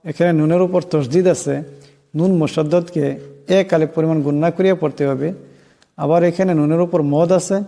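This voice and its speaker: A man teaching how to pronounce a Quran chapter, slowly explaining each letter's rules and chanting the verses drawn out. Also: a little high, creaky, dark tone, in a large hall. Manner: slow, deliberate, spells out sounds letter by letter and chants verses drawn out. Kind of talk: slow teaching of recitation and pronunciation.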